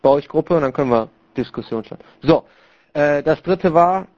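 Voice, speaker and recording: A man's voice: a little high, normal speed, darkish tone. A young man casually telling a crude story to other gamers over voice chat, rambling with many fillers and restarts. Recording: muffled lo-fi voice chat.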